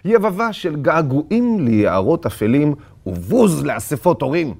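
A man reads a children's story with a slightly high, very lively voice that dips and soars dramatically. His narration is theatrical and expressive. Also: vocal fry. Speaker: story reader.

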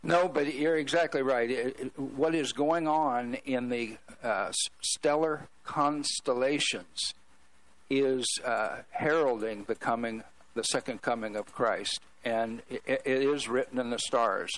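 A man speaking as a talk show guest, earnestly expounding his beliefs in a deliberate way with pauses mid-sentence. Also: medium pitch, fairly bright tone, poor audio. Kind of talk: earnest religious exposition.

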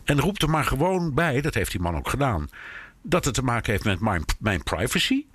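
A man giving measured, explanatory commentary in conversation, hesitating often as he thinks. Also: mid-range voice, big pitch swings, a bit bright, slightly rough, dry recording. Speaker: commentator on American politics. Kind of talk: conversational analysis.

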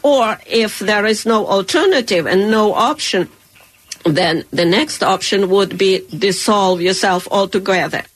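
A woman's voice: mid-range voice, slightly rough. Give me a woman doing live interpretation of a speech. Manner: halting, with fillers and restarts while interpreting.

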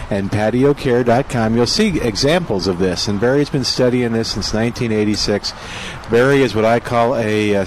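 A man's voice: medium pitch, slight background noise. An American man, a gardening radio host, talking casually through sponsor messages. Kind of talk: casual ad-libbed sponsor talk.

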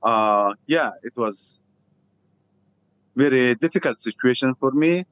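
An interview guest who founded a refugee theatre tells his personal story in halting, simple non-native English with an Afghan accent, repeating phrases. His voice is medium-pitched and a bit bright, and the recording is rough.

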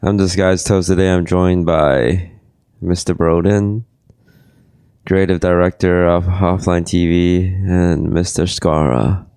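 A hungover man hosting a live podcast from a convention, laid-back and halting with fillers. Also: low voice, fairly even intonation, darkish tone, smooth, dry recording, studio quality. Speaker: podcast host. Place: at a gaming convention.

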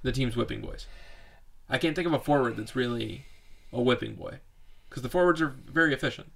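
Male co-host, gravelly tone, animated and opinionated in casual sports banter. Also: medium pitch, fairly quick. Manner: animated, opinionated, laughs often. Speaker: podcast co-host.

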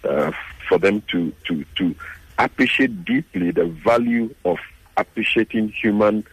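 A man with a Ghanaian accent and a husky voice, giving measured, earnest commentary as a guest journalist in a radio interview. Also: lowish voice, very animated, no room sound, low-quality recording.

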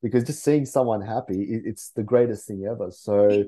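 A man's voice: on the low side, moderate pace, dark tone. A man speaking as a memory coach guest in a casual podcast chat, earnest and rambling with many fillers.

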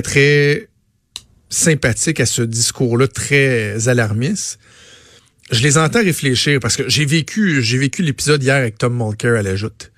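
A man's voice: mid-range voice, a bit bright, no echo, clean studio sound. A man with a Quebec French accent, co-hosting a radio show and bantering casually, joking and telling stories. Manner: joking storyteller, bursts into put-on voices. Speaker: radio co-host.

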